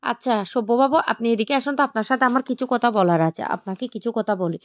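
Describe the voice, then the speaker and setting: A woman's voice: a little high, fast talker, no room sound, natural voice. A woman voicing a matter-of-fact male police officer, in a retold TV serial. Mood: calm.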